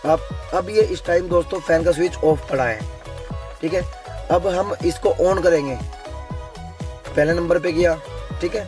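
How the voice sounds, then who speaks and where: A hoarse man, a vlogger, giving a casual how-to demonstration from inside a car. He keeps turning to his viewers with "friends" and "okay". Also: fairly high pitch, measured pace, pauses often, over music, low-quality recording.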